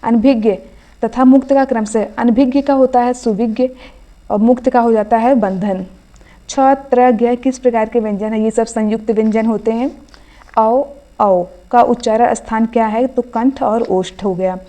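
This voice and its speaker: A woman's voice: a little high, fairly even intonation, moderate pace, mellow. A woman teaching an online exam revision class, reading out each question and then giving the answer. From India.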